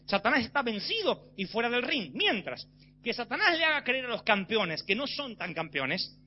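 Male preacher, high register, forceful sermon delivery, muffled lo-fi sound with a light hum. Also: very animated, normal speed. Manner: emphatic, rising to shouts. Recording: slightly dull with faint hum.

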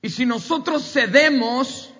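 High, bright-voiced preacher. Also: male voice, slow, husky. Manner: emphatic, repetitive preaching with rising outbursts. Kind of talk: sermon. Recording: dull audio with long hall reverb.

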